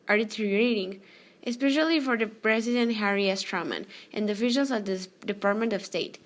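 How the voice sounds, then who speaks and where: A woman's voice: a little high, fairly bright tone. A woman reading a scripted news report, occasionally stumbling over her words.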